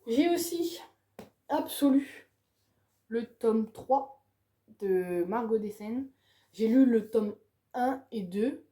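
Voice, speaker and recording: Booktuber, female, very mellow dark tone, chatty and eager, casual vlog delivery. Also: a little high, lively intonation, takes it slowly, long pauses. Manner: chatty, enthusiastic, ends phrases with "quoi". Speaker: book vlogger. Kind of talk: casual chat about her reading pile.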